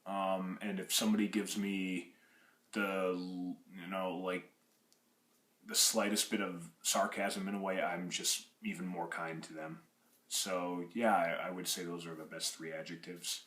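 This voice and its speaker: In an audition interview, a young man from Russia who grew up in Michigan gives rambling answers broken by fillers and restarts. His low voice holds a steady, unhurried tone with a touch of brightness, and the space sounds reverberant.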